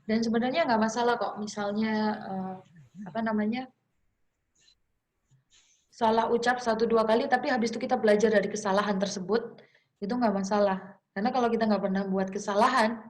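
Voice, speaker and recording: A woman's voice: mid-range voice, steady tone, fairly quick, pauses often. A young woman teacher gives an informal class lecture, talking in a chatty, encouraging way with many fillers and restarts. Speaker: English teacher.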